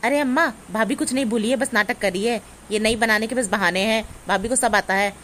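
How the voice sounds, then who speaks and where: A spoiled grown daughter, voiced by a woman, whines, bosses and points fingers in a family comedy skit. Her voice is pitched a little high, with faint noise behind. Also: fairly quick, a bit bright, natural voice. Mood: accusing. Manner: whiny, bossy, accusing. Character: spoiled, demanding grown daughter visiting home.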